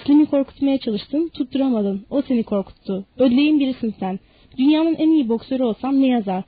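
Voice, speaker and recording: A woman voicing a rough, mocking ranch hand with a scornful, taunting delivery, in a dull audiobook recording. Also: sits high, a little fast, dry recording.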